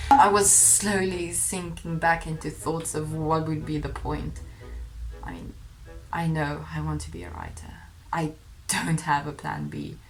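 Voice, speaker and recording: Over faint music and poor audio, a young woman with a low voice narrates a confessional vlog about her own life. Afrikaans is her first language, and she's candid and self-deprecating, breaking into laughter mid-sentence.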